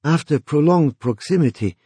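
A man's voice: on the high side, lively intonation, moderate pace, mellow, husky, no room sound, voice pushed up. Man doing a stilted, formal mortuary owner. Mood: formal, placating. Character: stilted male mortuary owner, smooth, bureaucratic.

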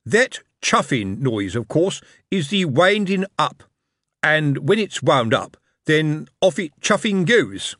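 A man's voice: a little high, very animated, fairly bright tone, no room sound, studio quality, pitched above the performer's own voice, full character voice. A man doing a blustering old-school sergeant. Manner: bluffing, slow and drawn out. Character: blustering middle-aged male watch sergeant.

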